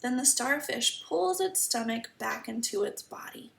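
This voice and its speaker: High-pitched woman, kids show host, creaky edge. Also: expressive, unhurried, a bit bright. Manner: kids show host, addressing children with questions and simple explanations. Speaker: children's teacher reading a picture book aloud. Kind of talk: children's story time read-aloud lesson. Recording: roomy echo, slightly distant mic.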